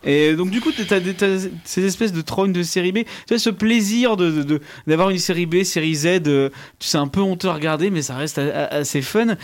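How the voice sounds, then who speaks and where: A male film critic in relaxed conversation, his speech loose and rambling. His voice sits a little high. He stops and restarts often as he talks. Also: a little fast, few pauses. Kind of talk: casual film review chat.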